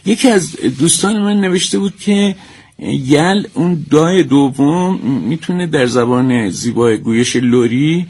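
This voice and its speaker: A man hosting, politely asking an expert long musing questions with pauses. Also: a little high, darkish tone, slight background noise.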